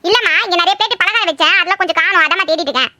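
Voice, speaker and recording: Cartoon auntie, fussy and worried, squeaky and high, played by a woman. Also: racing, bright, forceful tone, dry recording, full character voice. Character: fussy middle-aged aunt, worried hostess.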